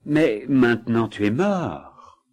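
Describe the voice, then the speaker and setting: Brief: man playing a timid village husband in a folk tale, gentle and breathy. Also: medium pitch, animated, slow pace. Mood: mild. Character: meek, content poor husband.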